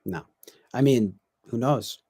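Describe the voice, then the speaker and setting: A livestream host in his twenties chats casually with viewers, reading their comments aloud in a reflective, rambling way full of fillers and restarts. His voice is medium-pitched, slow and mellow with a breathy edge. The sound is clean studio audio with no room sound.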